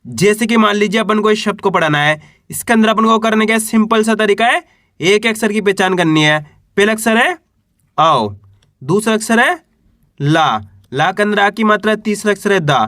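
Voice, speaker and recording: High, bright-voiced male teacher. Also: dry recording, studio quality. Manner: repeats each word slowly and asks the viewer to repeat. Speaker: Hindi reading teacher. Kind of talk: spoken lesson.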